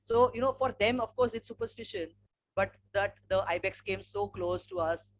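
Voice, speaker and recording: A man's voice: sits high, moderate pace, fairly bright tone, no room sound. A man with an educated, posh Indian English accent gives an informal slide presentation, telling anecdotes in a discursive, conversational way. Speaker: webinar speaker, environmental educator and trek leader. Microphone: online webinar microphone. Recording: clearly noisy webinar audio with hum.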